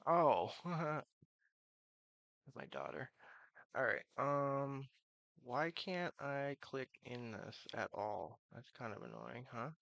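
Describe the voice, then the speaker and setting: A man live streaming in casual, rambling chat, with slurred, toothless articulation and a halting, meandering way of talking. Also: medium pitch, very animated, creaky, a bit bright, no room sound, lo-fi sound.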